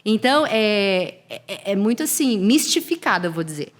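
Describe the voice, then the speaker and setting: A woman in her thirties, a school coordinator, talking in a lively conversational way. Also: medium pitch, moderate pace. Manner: animated, acts out children's voices in examples. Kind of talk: conversational interview.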